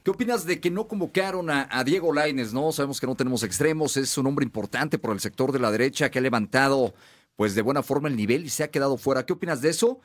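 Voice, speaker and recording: A man hosting a sports talk show who asks long, lively questions. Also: medium pitch, quick pace.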